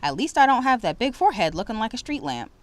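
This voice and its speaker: A woman's voice: on the high side, sing-song, no echo, pitched above the performer's own voice. A woman reading the lines of a sassy young girl in a children's storybook. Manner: quick comebacks.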